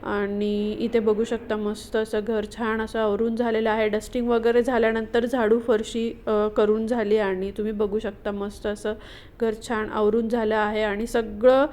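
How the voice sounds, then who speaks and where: A woman talks casually over her home vlog, easy and chatty, pausing on small fillers as she explains her routine. Her voice sits a little on the high side. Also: flat delivery, darkish tone. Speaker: vlogger.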